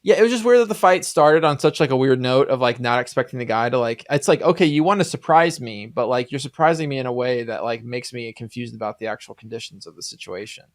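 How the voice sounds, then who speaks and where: A man's voice: medium pitch, expressive, fast, few pauses, no room sound. A man co-hosting a podcast in casual chat, rambling with lots of fillers and restarts as he retells stories. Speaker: podcast co-host.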